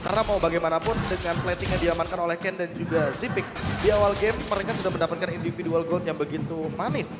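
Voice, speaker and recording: A man's voice: sits high, fairly even intonation, quick pace. A man with an Indonesian accent giving analytical esports commentary. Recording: echoey, loud music behind. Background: loud music.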